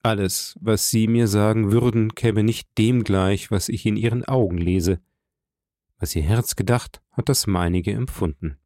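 A man reading an audiobook, voicing a dignified count who speaks in a measured, gently persuasive way. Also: lowish voice, steady tone, no room sound, studio quality, close to an everyday voice. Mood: solemn. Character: dignified aristocratic older count, calm and kindly. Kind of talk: audiobook character voice.

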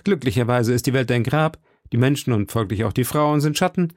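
A man reading an audiobook, voicing a lively, playful young swordsman in a slightly raised voice. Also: mid-range voice, brisk, no room sound, studio quality, natural voice. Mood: teasing. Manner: playful, mock-serious. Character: lively young male swordsman, teasing and warm.

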